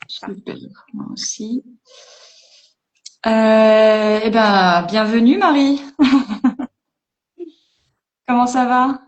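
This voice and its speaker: A woman hosting a casual live interview over a video call, chatty and relaxed, with fillers. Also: on the high side, extremely slow, pauses often, muffled recording. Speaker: host.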